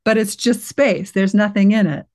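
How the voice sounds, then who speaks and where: An older woman gently guiding a listener through an inner awareness exercise, reassuring and unhurried, with frequent restarts. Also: medium pitch. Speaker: guest teacher guiding a practice. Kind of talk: guided meditation walkthrough in conversation.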